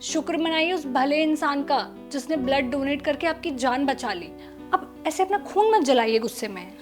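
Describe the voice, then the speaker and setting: An actress playing a kind young daughter-in-law who tries to calm her mother-in-law and defends the maid. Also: sits high, normal speed. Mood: pleading. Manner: soothing, pleading, later indignant. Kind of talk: short film acting. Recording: dialogue with loud background music.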